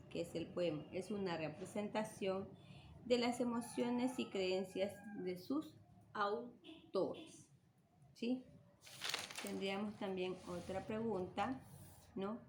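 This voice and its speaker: Woman teacher, slow and patient, checks in often; somewhat low voice over steady noise. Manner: slow, patient, checks with frequent tag questions. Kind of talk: slow classroom explanation. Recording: clear background noise.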